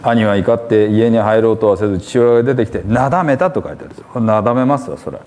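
A man's voice: fairly low pitch, fast talker, a little mellow, slight background noise. A man preaching a sermon with a Hiroshima accent, retelling a parable and acting out the characters' lines. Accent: Hiroshima dialect.

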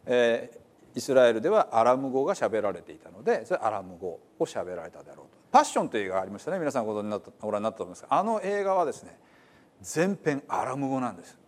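Male pastor, conversational sermon delivery, lively pitch, plenty of fillers. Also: fast. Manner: conversational, explanatory, many fillers. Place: church.

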